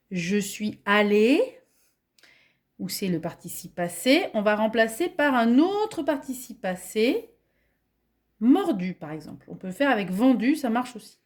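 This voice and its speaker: A woman giving a grammar lesson, speaking deliberately, spelling out letters and telling viewers to pause and answer. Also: medium pitch, darkish tone. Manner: addresses viewers, asks them to pause. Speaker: French teacher.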